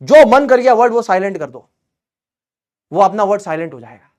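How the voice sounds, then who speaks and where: A male chemistry teacher lecturing in Hindi with lively, teasing energy. He jokes about English spellings and keeps his students hooked. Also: high voice, fairly quick. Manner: animated, joking, mocking spellings.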